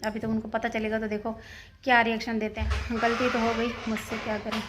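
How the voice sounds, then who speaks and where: Filming in her home kitchen, a mother vlogs to camera, anxiously and at length retelling a scare that left her shaken. Her voice is on the high side and monotone, and she talks a little fast. Loud music plays behind her.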